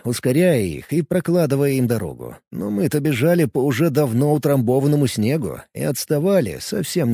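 A man narrating a fantasy novel in first person with lively storytelling. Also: medium pitch, husky, dry recording, clean studio sound. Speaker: audiobook narrator.

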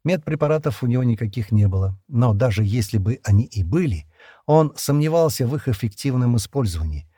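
A man narrating an audiobook chapter in a measured storytelling manner. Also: mid-range voice, animated, warm tone, husky, no echo, clean studio sound. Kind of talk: scripted narration.

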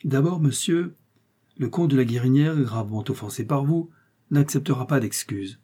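A stiff, formal viscount, read by a male narrator who sets out the terms of a duel without any give. The delivery is measured and unbending. His voice is mellow and husky. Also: mid-range voice, lightly acted. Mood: severe. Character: formal, severe male aristocrat acting as a duel second. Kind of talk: audiobook character reading.

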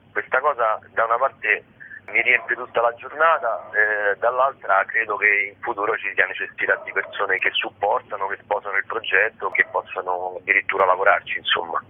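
Heard through a phone line on radio with slight background noise, this guest, the curator of a digital theatre book series, explains things hesitantly in an informal interview, hunting for words. He speaks at normal speed in a fairly low pitch.

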